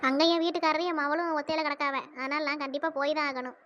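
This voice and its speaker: High squeaky cartoon auntie, fast scolding, dull lo-fi sound. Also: steady tone, bright, forceful tone, slight background noise. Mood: complaining. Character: indignant middle-aged village woman, the sister. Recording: dull lo-fi audio.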